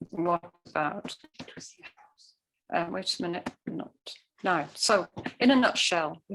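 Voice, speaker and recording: A woman's voice: mid-range voice, fairly bright tone, slight background noise, low-quality recording. A woman who teaches Ayurveda, explaining things earnestly with plenty of fillers during a talk over a video call. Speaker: Ayurveda educator.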